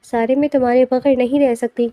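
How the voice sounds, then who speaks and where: A woman's voice: high voice, little pitch movement, mellow, no room sound, natural voice. A woman voicing a teasing, affectionate young wife in an audiobook novel. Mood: playful.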